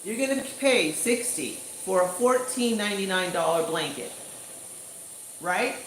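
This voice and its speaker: A woman's voice: mid-range voice, unhurried, a little hiss or hum. Chatty woman vlogger in an echoey room. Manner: chatty, animated, full of fillers like "you know" and "like". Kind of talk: casual storytime vlog. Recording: echoey room with faint ambience.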